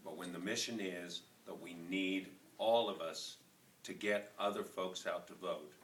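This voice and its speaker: A man, a county party chairman giving a fervent campaign speech that builds to loud, emphatic peaks. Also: deep voice, distant mic. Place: large room at a public forum. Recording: echoey hall, picked up from afar, faint noise.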